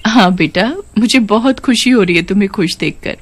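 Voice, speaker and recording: A woman's voice: mid-range voice, normal speed, slightly rough, no echo, lightly acted. A woman voicing a grieving mother who has become a witch ghost, pleading and motherly in a cartoon story. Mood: tender.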